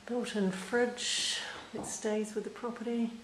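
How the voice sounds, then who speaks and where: A woman's voice: on the high side, fairly even intonation, slight background noise, rough recording. New Zealand woman touring a rental. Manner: plain, listing features one by one with brief pauses. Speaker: rental property agent. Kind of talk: unscripted property walkthrough narration. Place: inside and around a small empty house.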